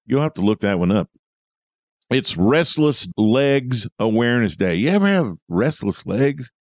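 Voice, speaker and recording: A man's voice: mid-range voice, sing-song, measured pace, no room sound, clean studio sound. A man hosting a business podcast as a coach, talking in a folksy, chatty monologue with jokey asides.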